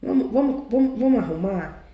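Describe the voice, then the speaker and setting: A woman's voice: a little high, lively intonation, muffled recording. Woman teacher in an echoey room. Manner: explains slowly, often tags sentences with a question. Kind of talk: online class lesson.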